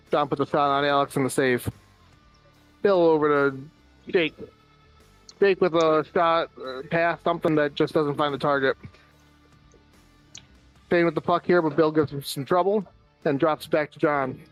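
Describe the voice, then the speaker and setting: Rapid-fire play-by-play of an amateur floor hockey game comes from an American man whose voice sits slightly high. He reels off passes and shots, slips in dry jokes, and faint music plays underneath.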